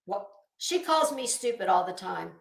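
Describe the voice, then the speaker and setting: In an echoey room, a middle-aged online commentary vlogger rambles through an unscripted rant, sweary, scornful, and sardonic. Her voice is medium-pitched with big pitch swings and vocal fry, moving at a moderate pace.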